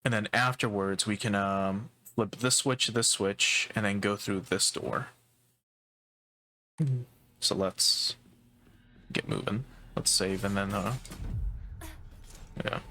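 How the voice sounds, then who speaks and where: Male gaming streamer, low-pitched and bright, relaxed let's-play chatter. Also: takes it slowly, pauses often. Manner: relaxed, talks through puzzle steps with fillers and swearing. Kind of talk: casual let's-play commentary.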